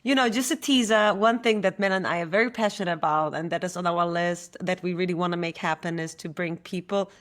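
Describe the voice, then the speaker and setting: A woman from Germany, a coach and co-founder, talking in a relaxed and reflective way as an interview guest. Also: on the low side, a little fast, hardly any pauses. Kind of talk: casual conversation.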